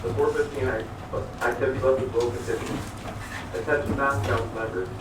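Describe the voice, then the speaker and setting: A man's voice: medium pitch, a little fast. Man reading announcements over an intercom. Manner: steady, plain reading of notices and name lists. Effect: heard over a school intercom loudspeaker. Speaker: school announcer. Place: classroom, played through a wall speaker. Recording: echoey, distant intercom speaker with noise.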